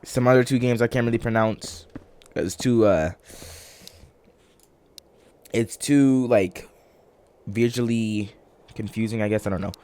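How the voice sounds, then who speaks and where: A young man with a groggy morning voice giving rambling, halting commentary while playing a game, full of fillers and restarts. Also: mid-range voice, darkish tone, clean tone. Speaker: gaming channel host. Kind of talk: casual let's-play commentary.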